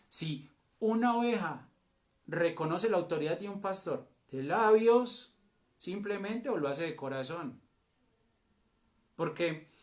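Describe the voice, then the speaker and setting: A man with a Colombian accent delivers a sermon as a church elder. His voice sits a little high, and he speaks very slowly, with long pauses. He stresses the key phrases one by one. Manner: slow, deliberate preaching with long pauses and emphatic phrases.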